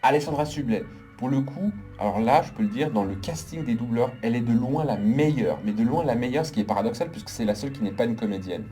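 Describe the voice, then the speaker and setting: A man talks through a casual movie review with strong, emphatic opinions, stacking intensifier on intensifier. His voice is mellow and on the dark side, at an ordinary male pitch. Soft music runs faintly in the background. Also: animated, fast talker. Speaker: film critic. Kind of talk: casual video film review.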